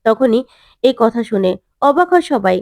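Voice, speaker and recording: A woman's voice: on the high side, big pitch swings, normal speed, a little mellow, dry recording, studio quality. A woman narrating a recap of a TV serial episode in plain reading, often repeating words.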